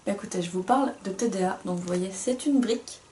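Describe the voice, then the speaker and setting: A woman's voice: medium pitch, brisk, a little mellow, roomy sound, a little hiss or hum. A young woman co-hosting a casual book review, chatty and self-mocking, laughing often.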